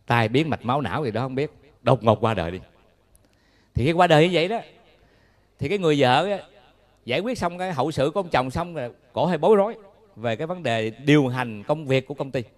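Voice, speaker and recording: A man's voice: mid-range voice, expressive, fast. A man with a Southern Vietnamese accent, a Buddhist monk giving a dharma talk in a folksy, humorous way, telling stories and asking the audience questions.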